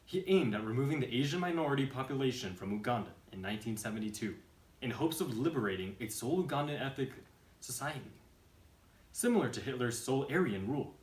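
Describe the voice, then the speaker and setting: A man's voice: medium pitch, expressive, fast. Male documentary narrator, formal scripted read, recorded in an echoing room.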